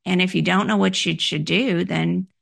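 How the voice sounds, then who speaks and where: A woman giving instructional advice on handling difficult requests, in a measured, explanatory way that poses questions to the listener. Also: on the low side, fairly even intonation, vocal fry, husky. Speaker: workplace communication coach. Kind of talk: instructional talk.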